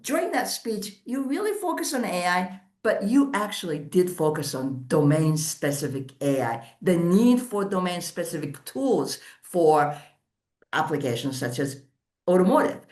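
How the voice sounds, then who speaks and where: A woman hosting an interview, introducing her guest in a chatty, lively way. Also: fairly low pitch, measured pace, roomy sound. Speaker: host, editor-in-chief.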